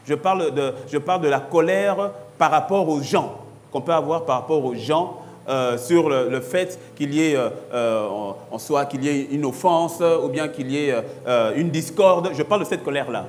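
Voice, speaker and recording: A man's voice: fairly high pitch, moderate pace. A man pastor preaching a sermon, driving points home by repeating short phrases with growing intensity. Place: church.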